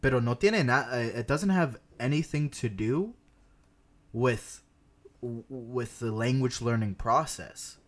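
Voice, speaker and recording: A man co-hosting a podcast in relaxed, casual chat, switching between English and Spanish mid-sentence and laughing often as he tells stories. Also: mid-range voice, slow pace. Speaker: podcast co-host, language learner.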